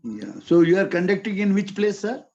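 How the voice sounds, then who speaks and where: Male participant, Indian accent, raised pitch, casual, muffled online call. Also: very animated, moderate pace, mellow. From Bangalore, India. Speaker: group session participant. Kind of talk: casual questions in group call. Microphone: video call.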